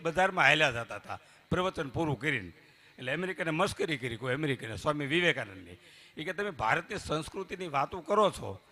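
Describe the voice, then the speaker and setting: A man doing live folk comedy, telling jokes and anecdotes on stage and swinging between loud bursts and hushed asides. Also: fairly high pitch. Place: live stage before a temple audience.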